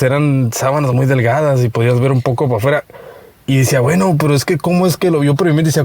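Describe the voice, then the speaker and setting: A man in his thirties with a Mexican accent, telling a personal story in a casual, halting way with many restarts. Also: medium pitch, darkish tone, no room sound. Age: 30s. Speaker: listener sharing a story.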